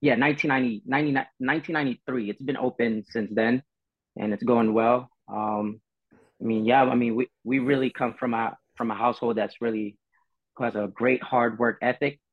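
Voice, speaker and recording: Faint music plays under dull, dry audio as a young man from the Philippines, in his twenties, rambles through a casual podcast guest chat, relaxed and full of fillers. His mid-range voice holds a steady tone and moves a little fast.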